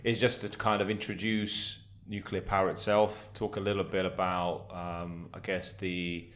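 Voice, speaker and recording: Hesitant low-voiced man explaining. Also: little pitch movement, moderate pace, fairly bright tone. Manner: hesitant, thoughtful, many ums and restarts. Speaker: podcast co-host, energy expert. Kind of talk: casual podcast chat.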